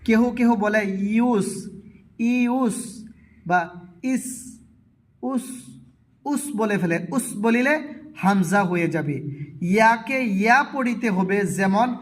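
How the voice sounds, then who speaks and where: A man teaching a Quran reading lesson, spelling out letters and syllables slowly and correcting students' pronunciation. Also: sits high.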